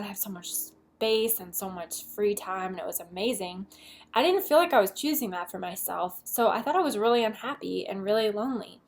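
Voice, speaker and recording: Chatty young woman giving advice. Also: medium pitch. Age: 20s. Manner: chatty and candid, with whispered asides. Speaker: vlogger. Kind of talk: casual advice vlog.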